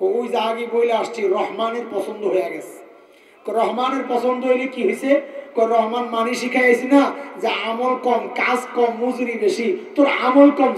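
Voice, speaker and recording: Animated Bangladeshi preacher, very high voice, chants verses, picked up from a distance. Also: male voice. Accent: Bangladeshi Bengali, colloquial. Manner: animated, chanting Arabic verses in a drawn-out sing-song; asks the crowd questions and jokes with them. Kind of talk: Islamic sermon. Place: mosque or large gathering. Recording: echoey, distant mic with faint noise.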